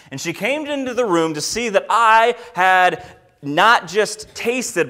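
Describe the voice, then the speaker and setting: A man preaching a sermon at a church pulpit as a guest preacher, addressing the congregation with deliberate emphasis that rises and drops. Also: fairly high pitch, a bit bright.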